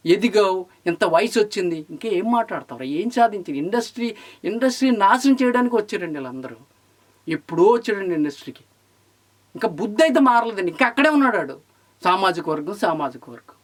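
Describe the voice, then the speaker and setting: A man giving an angry rant to camera. He scolds and repeats rhetorical questions, swinging between loud outbursts and low mutters. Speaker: film commentator.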